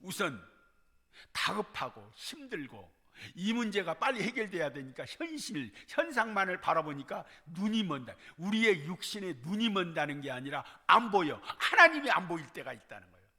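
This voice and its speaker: A man's voice: high voice, sing-song, normal speed, sharp tone, breathy edge. A man pastor preaching an emphatic sermon in a church, leading the congregation to repeat after him. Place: church sanctuary. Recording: long hall reverb.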